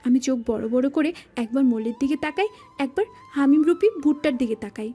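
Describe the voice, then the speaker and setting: A woman narrating a romance audio drama in the first person, telling it in a lively manner. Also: sits high, brisk. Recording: faint background music.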